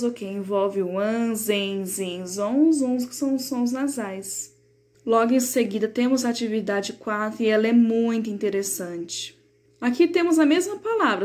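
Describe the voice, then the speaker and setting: Woman, third-grade teacher, patient and didactic, fairly high voice. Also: a little mellow. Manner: patient and didactic, slows to sound out words. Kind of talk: recorded remote lesson explaining a textbook.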